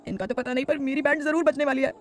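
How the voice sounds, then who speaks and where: A woman's voice: sits high, steady tone, racing, lightly acted. A woman voicing a nervous male office manager who stammers and hesitates in an audio story.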